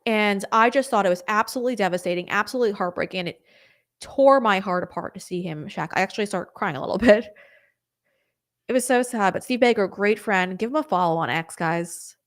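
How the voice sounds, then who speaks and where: A young woman hosting a live stream, chatting casually and rambling through viewer comments with quick apologetic asides. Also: mid-range voice. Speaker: host of a political live stream.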